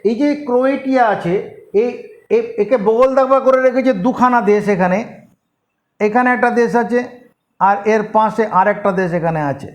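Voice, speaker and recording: High pitched guy teaching geography, spells every name out slow, repeats stuff over and over. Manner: slow and repetitive, spelling names letter by letter; patient, drills the class on names. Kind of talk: classroom lesson, spelling names aloud.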